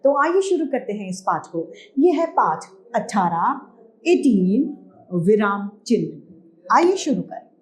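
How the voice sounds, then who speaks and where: A woman's voice: medium pitch, sing-song. Woman teaching a children's grammar lesson. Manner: explains slowly, asks and answers her own questions, reads examples out slowly.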